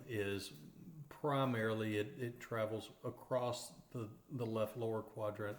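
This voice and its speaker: East Texas man giving a lecture. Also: on the low side. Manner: explanatory, with frequent fillers and restarts. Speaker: radiography instructor. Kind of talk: recorded lecture over slides. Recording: roomy echoey recording.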